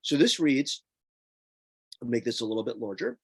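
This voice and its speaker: A man's voice: mid-range voice, very animated, moderate pace, creaky, darkish tone, slightly rough. A man tutoring students through a screen-share lesson, emphatic and repeating his key points as he talks straight to them. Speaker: test prep tutor.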